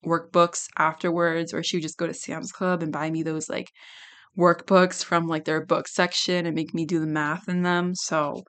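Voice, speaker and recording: A young adult woman hosting a casual solo podcast, giggly and rambling, with a slightly hoarse, worn-out voice. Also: deep voice, level tone, moderate pace. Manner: giggly, rambling, self-deprecating. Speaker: podcast host.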